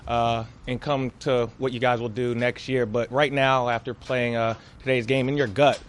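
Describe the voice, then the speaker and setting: A male reporter asking a question at a press conference, in a deliberate manner. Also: mid-range voice, level tone.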